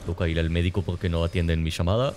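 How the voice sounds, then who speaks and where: A man's voice: sits low, fairly even intonation, fast talker, noisy background. A young man, raised in Spain and Argentina, casually chatting with his stream chat while gaming, coughing now and then. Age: young adult. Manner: rambling, joking, answering chat. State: persistent cough. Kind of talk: casual gameplay commentary, reading chat. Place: home streaming room. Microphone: desk mic near webcam. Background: game music.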